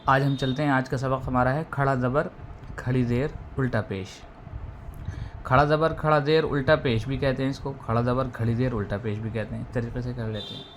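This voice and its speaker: A man teaching a step-by-step recitation lesson, drilling letter sounds slowly and repeating each rule for beginners. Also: mid-range voice, steady tone, a little hiss or hum. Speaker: Quran reading teacher.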